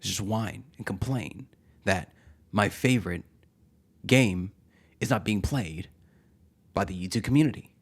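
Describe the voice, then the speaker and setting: Lower-voiced man in a comic vlog. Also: unhurried, pauses often, slightly rough. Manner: animated comic skit delivery, shouting out names; quiet reflective confession. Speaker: YouTuber. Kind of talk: comedic vlog monologue.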